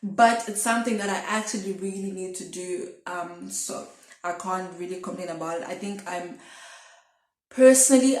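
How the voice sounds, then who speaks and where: A young woman in her twenties from Zimbabwe, a video blogger, talks casually to camera in a confessional style. Her mid-pitched voice is a little mellow, and she thinks aloud, questions herself and rambles from one thought to the next in an echoey room.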